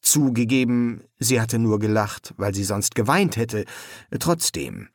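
A man's voice: on the low side, animated, measured pace, dry recording. A man reading an audiobook with a dry, ironic storytelling manner. His voice moves up and down a lot. The sound is dry and close. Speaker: audiobook narrator. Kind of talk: scripted narration.

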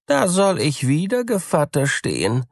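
A man's voice: a little high, wildly swooping pitch, unhurried, gravelly, breathy edge, no room sound, studio quality, pitched above the performer's own voice, full character voice. A man voicing a greedy, sly female cat in a fairy tale, with a smug, sweet-talking manner.

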